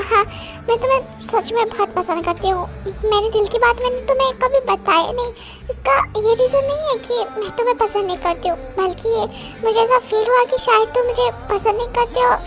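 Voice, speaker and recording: A performer voicing a young woman who calms and gently scolds her lover, with music in the background. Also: very high voice, fairly quick. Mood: tender. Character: young woman, soothing, engaged, in love. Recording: music playing behind.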